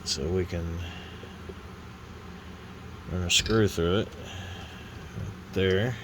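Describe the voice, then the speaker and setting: Speaking very slowly in a deep voice over background noise, a man congested from a sinus infection casually talks through a model build at a table. He's relaxed and rambling, often saying uh and restarting, and a phone on a holder arm records him.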